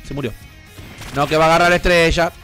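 A man with an Argentine accent hosting a gaming channel, giving foul-mouthed let's play commentary and yelling insults at the game. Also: a little high, fairly even intonation, quick pace, faint music behind. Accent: Argentine Spanish.

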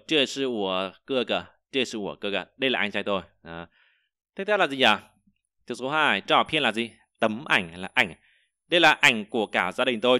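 A man teaching a vocabulary lesson, explaining each word and repeating example sentences slowly, with frequent hesitations. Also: mid-range voice, bright, forceful tone, no echo, studio quality. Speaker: Chinese teacher.

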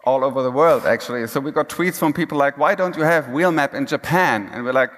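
On a large conference hall stage, a man delivers a casual keynote, restarting often. His medium-pitched voice is a little fast and fairly bright, and the hall is reverberant.

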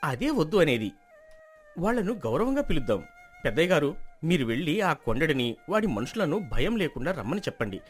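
A man's voice: a little high, big pitch swings, soft background music. An actor playing an earnest young man from the village who argues persuasively and pleads with the elders. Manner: earnest, quick, pleading argument. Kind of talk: storybook drama acting.

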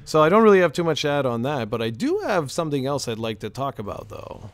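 A man co-hosting a casual gaming podcast, talking in an animated way with rambling restarts and sarcastic asides. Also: medium pitch, fast talker. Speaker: podcast co-host.

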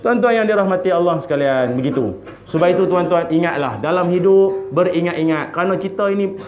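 A man's voice: high-pitched, lively intonation, brisk. A man with a Malaysian Malay accent giving an evening religious lecture, humorous, laughing often and acting out voices. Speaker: preacher. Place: mosque prayer hall. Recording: echoey dull lo-fi hall recording.

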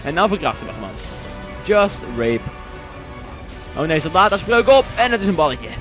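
A man's voice: sits high, very animated, normal speed, music in the background. A man from the Netherlands with a Dutch accent, doing jokey let's-play commentary, chatty and swearing often. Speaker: gaming commentator.

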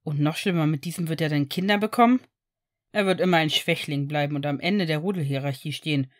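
A woman's voice: sits low, moderate pace, voice pushed down. A woman voicing an angry, contemptuous middle-aged werewolf father who speaks bluntly and thunders at the doctor. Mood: furious.

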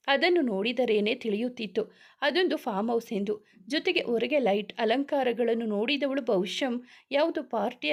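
A woman narrating a romantic storybook in a steady, expressive reading style. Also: a little high.

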